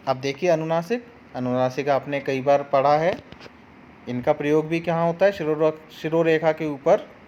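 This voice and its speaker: Guy teacher going real slow over a grammar lesson, muffled lo-fi sound with a faint hiss. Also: a little high, a little mellow. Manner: slow, patient, spells out sounds one by one.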